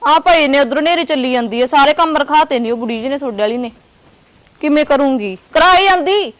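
A woman's voice: high-pitched, animated, a bit bright. A woman playing a suspicious village woman who complains that she is owed money. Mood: grudging. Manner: quick-tongued, complaining, distrustful. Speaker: aggrieved village woman in a comedy sketch. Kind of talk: comic village drama.

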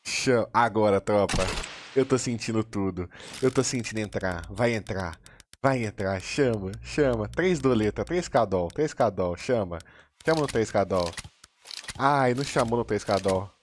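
A man with a Brazilian Portuguese accent, a gaming streamer giving casual case-opening commentary, excitable and full of slang, jumping into high squeals when he wins. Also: unhurried, a little hiss or hum. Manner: excitable, slangy, hyping himself up.

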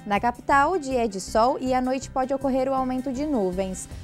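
A woman in her twenties reading a scripted weather forecast smoothly in a TV studio, using a lapel mic. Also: high-pitched, a little fast, soft background music. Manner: smooth, even read. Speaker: weather presenter. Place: TV studio in front of weather map.

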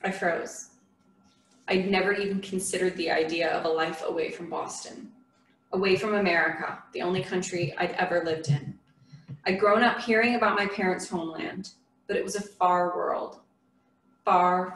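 A woman reading a memoir aloud in a church, in a measured, earnest storytelling voice. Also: lowish voice, a bit bright. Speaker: memoir reader. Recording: echoey room from a distant mic.

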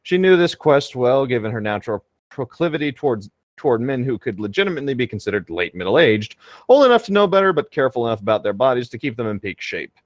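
A man's voice: medium pitch, very animated, quick pace, dry recording, muffled recording. A man chatting casually with friends and reading a story aloud.

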